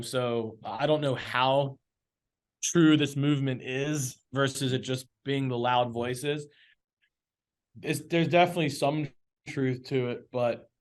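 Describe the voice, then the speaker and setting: A man who runs an agency, a podcast guest in casual interview talk, earnest and animated and quick to laugh, heard over a video call. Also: medium pitch.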